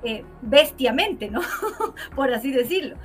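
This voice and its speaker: A woman, telling a story as a guest in a conversational interview, animated and acting out quoted voices with exclamations. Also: sits high, slow, faint music behind.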